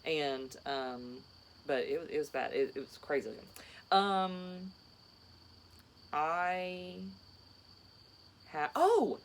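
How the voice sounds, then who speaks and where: A woman's voice: sits low, steady tone, slow, long pauses, slight background noise. A tired woman in her thirties, a teacher co-hosting a casual chat show, rambling chattily through her stories. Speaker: teacher and podcast co-host.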